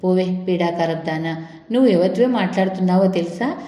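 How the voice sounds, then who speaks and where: A woman storyteller voicing an angry young man who believes he is the caliph, shouting and threatening. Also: lowish voice, brisk, close to an everyday voice. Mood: shouting angrily. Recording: echoey room with long reverb.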